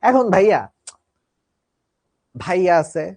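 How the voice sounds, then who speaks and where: Young man, casual tutor, animated delivery, checks in constantly with students. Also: high-pitched, slow. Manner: lively, chatty, asks "ঠিক আছে?" often. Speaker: biology teacher. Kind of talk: casual online lesson.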